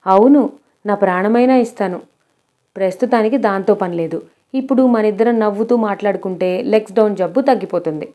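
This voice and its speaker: A cheeky young college guy, as a woman reads him, showing off and spinning playful nonsense. The voice stays close to the reader's own, middling in pitch, in a storybook telling. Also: brisk, dark tone, lightly acted. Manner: playful, boastful. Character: cheeky show-off young male college student.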